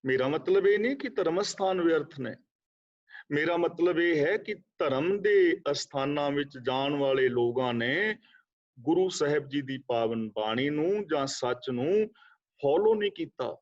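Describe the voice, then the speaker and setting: A man with a fairly high voice gives a scripture class. He draws out verses slowly and then explains them in plain, conversational talk. The sound is dull and lo-fi, as from an online call. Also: animated. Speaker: Sikh scripture teacher. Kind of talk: religious discourse class. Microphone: video call.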